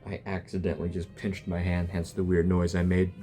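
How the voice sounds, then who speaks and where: A gaming video creator with a deep, monotone voice gives brisk, casual reaction commentary while playing a video game. He's blunt and jokey, with faint game music in the background.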